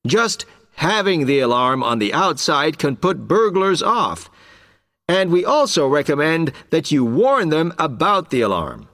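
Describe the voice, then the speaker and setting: Lively, higher-pitched salesman played by an actor. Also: measured pace, full character voice. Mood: polite, persuasive. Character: polite, informative male home-security salesman. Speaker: alarm salesman. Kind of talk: scripted sales presentation for listening test.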